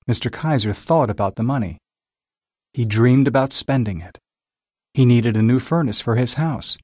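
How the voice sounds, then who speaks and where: A man narrating a simple story in a slow, clear, scripted reading style. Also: mid-range voice, no room sound, clean studio sound.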